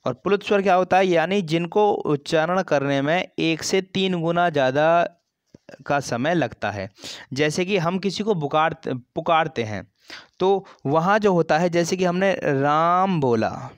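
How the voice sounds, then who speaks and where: A man teaching a grammar lesson for an exam, explaining slowly, repeating terms and stretching sounds as examples. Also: on the high side, lively intonation, dry recording. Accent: Hindi.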